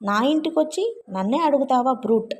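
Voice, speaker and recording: A man's voice: very high voice, animated, normal speed, darkish tone. A woman reading the abusive, snarling lines of a violent jealous husband in a storybook. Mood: angry.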